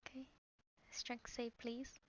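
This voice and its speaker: A woman playing a tabletop game, declaring her character's moves in short, soft-spoken phrases. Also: on the high side, monotone, slow pace, dry recording, highs cut off. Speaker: player.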